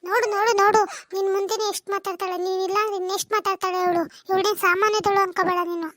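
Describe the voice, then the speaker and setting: A proud, defiant old mother in a cartoon drama, voiced by a woman, with a North Karnataka Kannada accent. She scolds in a high, quick voice recorded dry and close. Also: flat delivery, a bit bright, no room sound. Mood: scolding defiant. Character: older mother, proud and protective of her daughter.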